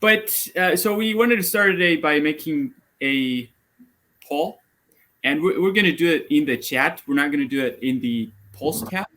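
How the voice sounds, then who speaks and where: Presenting with his group on a video call, a young Argentine student speaks at a moderate pace in a fairly high, animated, pushed and bright voice. His delivery is casual and upbeat, sprinkled with plenty of fillers.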